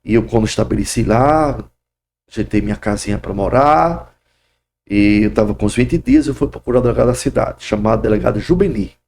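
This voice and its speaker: Middle-aged pastor, gravelly voice, fervent, breaks into praise shouts mid-story. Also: male voice, fairly low pitch, a little fast. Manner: fervent, bursts of "glória" and "aleluia". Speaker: pastor, podcast guest. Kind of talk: testimony in a podcast interview.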